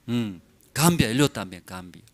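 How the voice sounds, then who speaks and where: A male pastor preaching a sermon at a church service, in halting, simple phrases, often asking the congregation questions. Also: mid-range voice, expressive. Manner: halting, simplified phrasing with many pauses and fillers.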